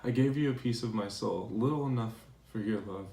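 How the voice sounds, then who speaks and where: A man plays a devoted philosopher, reading his tender love letters aloud in a measured, earnest, lightly acted dramatization. His voice is fairly low and mellow, recorded in an echoey room on a distant mic with faint noise.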